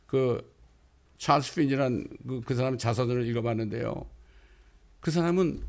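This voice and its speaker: A male pastor delivering a sermon, telling stories and rising into loud quoted passages. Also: medium pitch. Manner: storytelling preacher, bursts into loud quoted lines.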